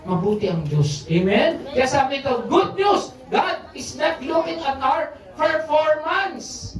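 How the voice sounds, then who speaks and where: A Filipino woman preaching a sermon to a congregation, often asking for an amen. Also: high-pitched. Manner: lively call-and-response preaching, asks "Amen?" often. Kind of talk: Tagalog sermon. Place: church service, large echoey room. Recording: echoey church hall, far from mic, noisy.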